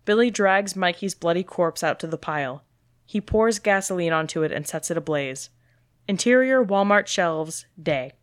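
A woman reading the stage directions of a screenplay, steady and matter-of-fact. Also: on the low side, moderate pace, no echo, studio quality. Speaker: script reader.

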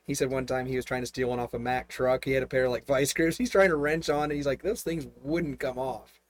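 A man's voice: medium pitch, quick pace, slight background noise. A man hosting a casual chat, a pastor, telling rambling stories and laughing often. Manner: rambling, relaxed storytelling with frequent laughs. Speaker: host and pastor. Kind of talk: casual conversation.

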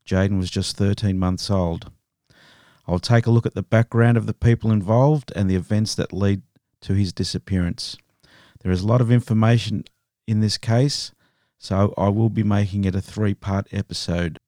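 A man hosting a podcast, narrating a true crime story in a steady, measured way. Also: fairly low pitch, no room sound, clean studio sound. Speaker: podcast host.

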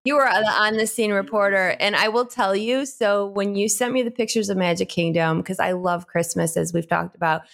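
A woman's voice: mid-range voice, normal speed, gravelly, few pauses, fairly bright tone. A woman co-hosting a podcast, chatting casually with many fillers. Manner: friendly, rambling with many fillers. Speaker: podcast co-host and park reporter.

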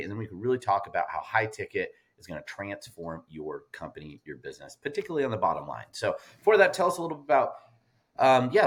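A man's voice: medium pitch, breathy edge. A man hosting a podcast, enthusiastic and jokey, talking over a remote call. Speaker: podcast host. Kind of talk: energetic podcast intro and interview. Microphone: remote call recording.

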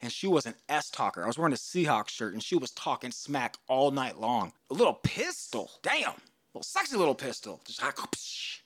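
A man in his thirties hosting a podcast, telling a story in a casual, animated way and jumping into loud, high voices for the people he quotes. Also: moderate pace, no echo, clean studio sound. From United States. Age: 30s. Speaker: podcast host.

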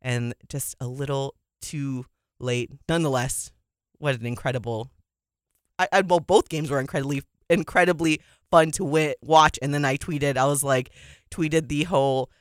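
A chatty woman co-hosts a sports talk show, laughing easily and letting her voice leap up high when a point excites her. She speaks close to the mic in a dry studio. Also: moderate pace, no room sound. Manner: chatty, laughs often, animated swings in pitch.

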